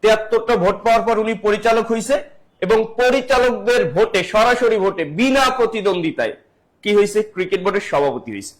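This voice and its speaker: A man with a Bangladeshi Bengali accent teaches an online exam-prep class, talking fast in a high voice. He fires questions at listeners and repeats each answer.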